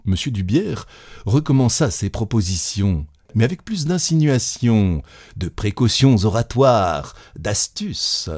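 A man reading a classic short story aloud with expressive, dramatic storytelling. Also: on the low side, takes it slowly, slightly rough, dry recording, studio quality. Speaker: narrator.

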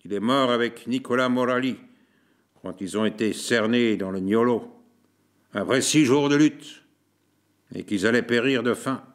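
A man doing a weary, slow, monotone Corsican man. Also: mid-range voice, natural voice. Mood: proud. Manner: slow monotone, dragging words.

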